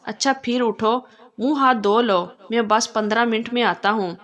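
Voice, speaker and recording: A woman's voice: a little high, steady tone, moderate pace, fairly bright tone, dull audio, natural voice. A woman voicing an affectionate, playful young husband in a read-aloud story. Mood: fond. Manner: fond and playful.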